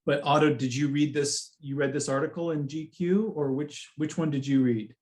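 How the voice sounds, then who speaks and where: A man's voice: fairly high pitch, fairly even intonation, moderate pace, a little mellow. A man hosting a podcast, talking in a loose, rambling way with many asides during a casual conversation. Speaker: podcast host.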